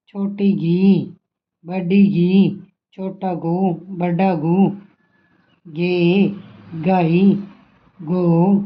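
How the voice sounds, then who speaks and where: A woman teacher giving a classroom lesson, asking questions and answering them herself, repeating each point. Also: on the low side. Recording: dull lo-fi sound.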